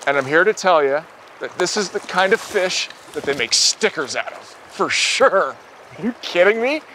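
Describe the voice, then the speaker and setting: A man in his thirties wades a small river while hosting his fishing show, staying upbeat and getting excited when a fish bites. His voice is high-pitched, his pace moderate, and slight background noise can be heard.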